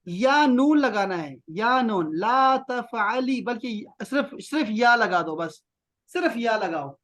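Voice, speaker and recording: A man from Pakistan teaching Arabic to children in an online lesson, patiently repeating short phrases slowly and praising often. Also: sits high, sing-song, fairly bright tone. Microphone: video call.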